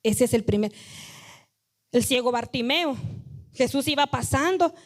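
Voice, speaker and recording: A woman pastor from Guatemala, preaching a sermon and retelling Bible stories in a lively storytelling way. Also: sits high, a little slow.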